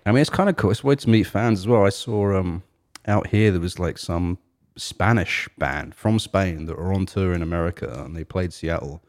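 A man's voice: sits low, moderate pace. A man co-hosting a casual podcast about music, rambling along with lots of "like" and "kind of thing". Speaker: podcast co-host.

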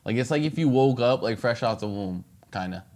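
A man's voice: medium pitch, expressive, a little fast, darkish tone. A young man chatting casually with friends in a slangy, profane frat bro manner. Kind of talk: casual chat among friends.

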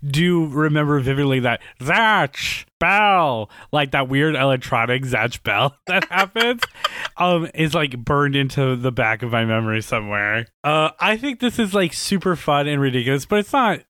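A man's voice: medium pitch, lively intonation, moderate pace, sharp tone. A man co-hosting a casual podcast, talking animatedly, laughing often and swearing casually. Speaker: podcast co-host. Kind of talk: casual chat.

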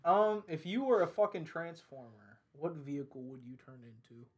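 A woman with a lively, bouncing voice hosts a crude podcast. She reads out silly questions, curses freely and keeps dissolving into giggles. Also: deep voice, normal speed. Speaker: podcast host asking questions. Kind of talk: crude casual banter.

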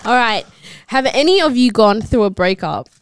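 A woman's voice: a little high, animated, normal speed, clean tone, dry recording. A young woman chatting casually with friends and putting questions to them as host. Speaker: podcast host reading out questions. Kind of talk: casual chat.

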